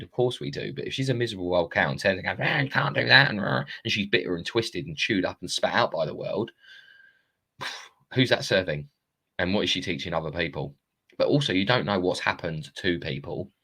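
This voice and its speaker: A man's voice: deep voice, fairly bright tone. A man talks straight to the camera like a motivational coach. He is blunt and emphatic and swears freely as he makes his points. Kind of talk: casual motivational talk.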